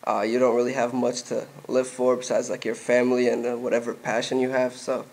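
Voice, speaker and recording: A young man from Egypt, a native Arabic speaker, talking casually as a guest in an indoor gym studio, with many fillers and pauses. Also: medium pitch, creaky. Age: young adult. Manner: relaxed, hesitant, many fillers. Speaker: guest, soccer player. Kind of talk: casual interview.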